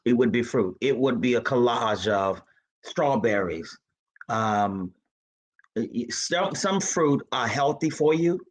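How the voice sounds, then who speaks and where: A man's voice: mid-range voice, expressive, takes it slowly. A man moderating a church panel, playful and teasing as he talks. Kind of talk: casual church panel talk. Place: church event room.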